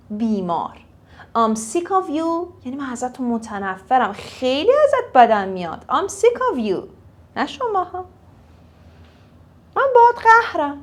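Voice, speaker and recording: A young woman teaching English phrases in a casual lesson, repeating each phrase slowly for learners. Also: high voice.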